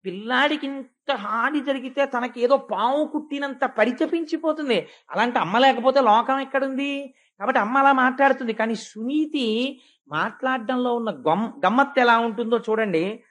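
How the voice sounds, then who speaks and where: A man giving a devotional sermon, telling a sacred story and swinging from hushed tones to emphatic ones, slowing down for stress. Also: extremely high pitch. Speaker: devotional discourse speaker.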